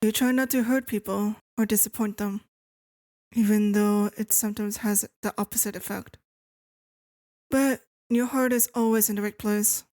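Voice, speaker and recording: A woman playing a possessive, controlling wife in an ASMR role-play, speaking with sweet, eerily obsessive calm and deliberate pauses. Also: medium pitch, no echo, clean studio sound, close to an everyday voice.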